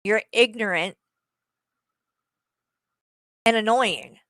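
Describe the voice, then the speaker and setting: A woman's voice: medium pitch, normal speed, fairly bright tone, dry recording. A woman streamer giving heated live commentary, blunt and profane, talking straight at the person she criticizes. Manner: blunt, profane, addresses someone directly.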